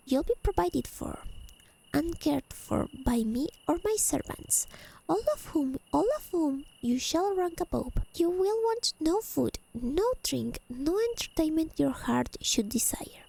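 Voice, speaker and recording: A woman's high, mellow voice with a creaky edge brings a haughty fae lady of the high realms to life in soft-spoken ASMR roleplay, with crickets chirping throughout. She sounds coaxing, teasing and possessive, her phrasing elegant and formal. The voice is exaggerated and the audio poor.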